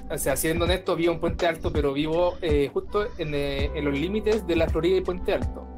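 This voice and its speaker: A man's voice: on the high side, fairly quick, over music. A man in his thirties with a Chilean accent, a teacher appearing as a podcast guest, speaking hesitantly and repeating words. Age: 30s. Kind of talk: casual podcast chat.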